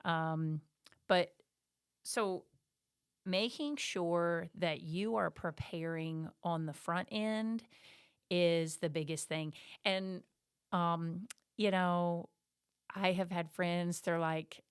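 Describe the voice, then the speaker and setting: A woman's voice: lowish voice, very slow, smooth, dry recording, studio quality. A middle-aged woman co-hosting a podcast, talking in a chatty, emphatic way. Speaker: podcast co-host. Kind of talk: casual podcast chat.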